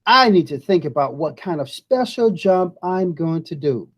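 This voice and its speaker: A woman voicing an eager but nervous young boy in a children's storybook, speaking earnestly and deliberately. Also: sits low, animated, slightly rough. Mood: hesitant.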